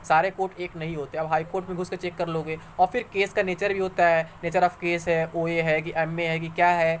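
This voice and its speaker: An exam news YouTuber talks to his viewers in an informal, explanatory way, conversational but argumentative, repeating points for emphasis. His voice is a little high and level, at a moderate pace, with a slight hiss or hum in the background.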